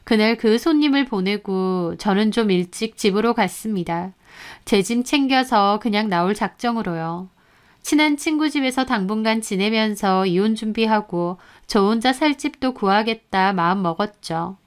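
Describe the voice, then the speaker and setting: A woman calmly narrating a first-person story in a matter-of-fact way. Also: medium pitch, moderate pace, smooth. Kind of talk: scripted narration of a reader's story.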